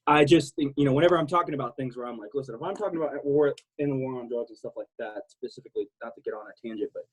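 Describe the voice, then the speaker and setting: Candid and meandering, a podcast guest who served in the military and hails from South Texas swears liberally as he talks. He speaks fast in a husky, medium-pitched voice, and the audio quality is poor.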